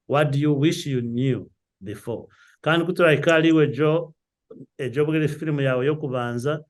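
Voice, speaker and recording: A man interviewing a filmmaker, asking his questions slowly and deliberately. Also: medium pitch.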